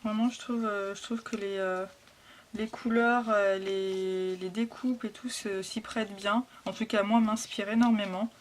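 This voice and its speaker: A woman hosting a casual scrapbooking haul, talking softly and hesitantly with frequent fillers. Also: mid-range voice, steady tone, measured pace, a little hiss or hum. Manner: soft, hesitant, lots of fillers. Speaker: scrapbooking vlogger. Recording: packaging crinkles and clicks behind.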